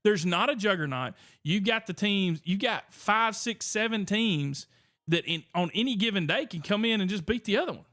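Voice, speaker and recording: Bright high-voiced man. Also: moderate pace. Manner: energetic, reads chat aloud. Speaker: podcast host. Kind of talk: casual livestream chat.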